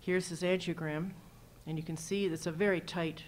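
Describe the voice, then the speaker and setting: A woman's voice: lowish voice, fairly even intonation, moderate pace, a little hiss or hum. A woman surgeon giving a conference talk, casual and anecdotal as she walks through slides full of numbers. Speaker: cardiac surgeon presenting at a symposium. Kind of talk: conference presentation.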